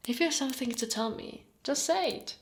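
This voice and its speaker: Speaking a little fast in a voice that sits high, a native Italian-speaking woman from Italy plays a short female orc guard for ASMR. The roleplay is intimate, and she sounds gently dominant and doting, breathy and soft, sometimes dropping to a whisper, with an affectionate, teasing feel.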